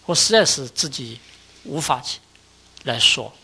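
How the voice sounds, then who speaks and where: Buddhist teacher lecturing a class; builds chains of rhetorical questions, voice climbs for stress, sinks quiet to close a point. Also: expressive, unhurried, gravelly, breathy edge. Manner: rhetorical questions in rising series; often lifts pitch and volume for emphasis, drops low at conclusions.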